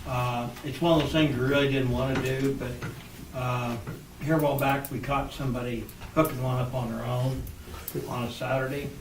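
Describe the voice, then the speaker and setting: A man on city staff explaining something in a casual, folksy, halting way at a public meeting. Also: mid-range voice, little pitch movement. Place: echoey meeting room. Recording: distant mic, roomy echo, clear background noise.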